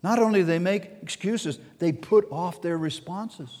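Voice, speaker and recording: A man preaching a sermon as pastor, swinging between soft and loud and repeating key words. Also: high voice, normal speed, big-room sound.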